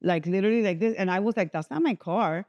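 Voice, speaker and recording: A woman's voice: medium pitch, fast, darkish tone, lo-fi sound. A woman, a real estate agent guest on a podcast, telling stories expressively and swearing casually. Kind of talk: casual chat.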